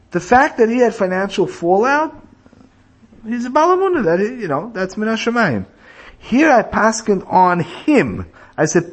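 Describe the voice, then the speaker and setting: A man's voice: high voice, husky, voice pushed up, heavily acted. A man voicing an elderly rabbi who patiently explains something to his young son in a fatherly tone.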